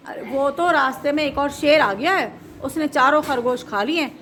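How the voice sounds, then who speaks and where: Woman playing a crafty, flattering little rabbit for a children's story. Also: high voice, moderate pace, slight background noise. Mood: sly flattering. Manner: sly and flattering. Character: small, clever, flattering male rabbit.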